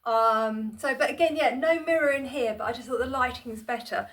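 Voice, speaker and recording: A woman's voice: high-pitched, normal speed, a bit bright. A woman chatting casually to her phone camera in a small room at home, rambling and self-deprecating, with plenty of "um"s and restarts. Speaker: vlogger. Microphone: phone camera on tripod.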